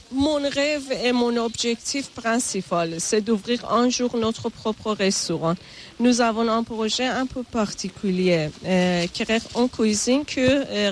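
Slow, careful Iranian woman caterer. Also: on the high side, slight background noise. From Iran. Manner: slow, careful, hesitant with fillers. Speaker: caterer interviewee.

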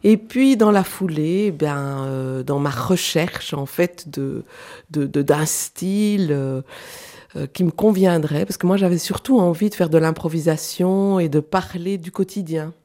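Interview guest: middle-aged woman from Switzerland, mellow low voice, halting, thoughtful. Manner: hesitant, searching for words with many fillers. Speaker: guest, clown and actress. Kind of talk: radio interview.

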